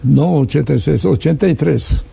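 Older Serbian man, gravelly dark voice. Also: on the high side. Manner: halting speech with many fillers and restarts. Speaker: interview guest. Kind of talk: conversational interview.

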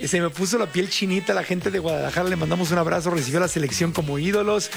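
A man's voice: high voice, fast, vocal fry, soft background music. A man from Tijuana with a Mexican Spanish accent, hosting a chatty radio news show. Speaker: radio host.

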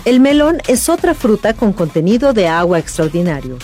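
A woman narrating short scripted fact segments over a clear music bed. Her delivery is smooth and well paced, with a lively, varied pitch. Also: moderate pace.

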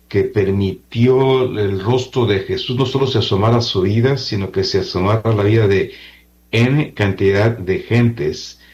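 A priest appearing as an interview guest gives earnest, deliberate testimony in a conversational style. His voice is fairly low and a little mellow. The recording sounds dull and band-limited.

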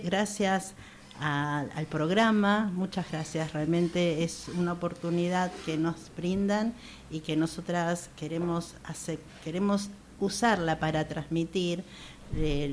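A woman in her sixties with an Argentine accent, speaking earnestly as a radio interview guest, repeating phrases and pausing to hesitate. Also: lowish voice, darkish tone, a little hiss or hum. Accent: Argentine Spanish. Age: 60s. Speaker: guest, activist for older women.

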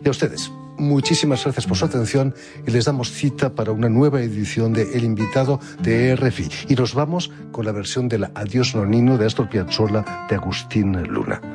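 A man's voice: mid-range voice, fairly quick, over music. A man hosting a radio interview, asking questions in a playful, teasing way. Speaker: radio host.

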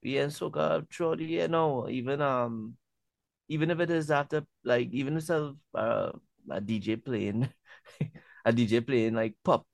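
A man being interviewed as a music artist, talking in a relaxed way and often repeating words as he thinks. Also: mid-range voice, unhurried, vocal fry, no room sound. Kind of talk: casual interview talk.

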